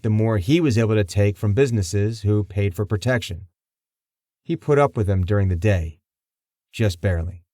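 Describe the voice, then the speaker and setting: A man narrating a crime audiobook in a measured, even storytelling manner. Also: fairly low pitch, no echo, studio quality. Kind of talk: scripted narration.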